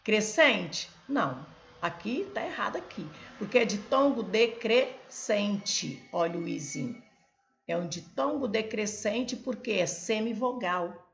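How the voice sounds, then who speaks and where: Her delivery is measured and creaky, medium in pitch with lively intonation, while she takes students through Portuguese grammar at a board. She breaks it down step by step, pointing things out and saying "olha" and "ó" often. The highs are cut off in the recording.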